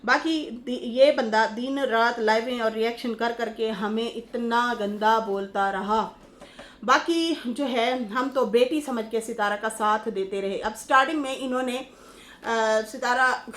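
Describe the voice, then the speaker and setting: A woman's voice: a little high, unhurried, a bit bright. A woman giving chatty, scolding reaction commentary as a YouTube host, breaking into mocking impressions.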